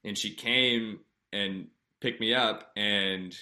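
A man's voice: on the low side, fairly even intonation, bright, forceful tone. Earnest man telling a personal story. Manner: halting, many fillers and restarts; earnest, candid.

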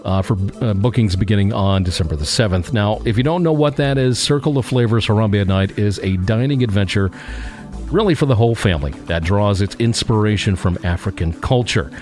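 A man with a fairly low voice hosts a casual podcast. He chats and reads out news items, laughing easily. Faint music plays behind him. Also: animated, fairly quick, darkish tone. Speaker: podcast host.

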